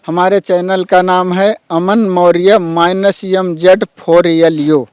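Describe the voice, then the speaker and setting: A man's voice: high-pitched, level tone, takes it slowly, a little mellow, clean tone, no echo. A man telling his own story earnestly, often addressing the interviewer as sir. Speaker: interviewee, village YouTuber. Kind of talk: emotional personal account.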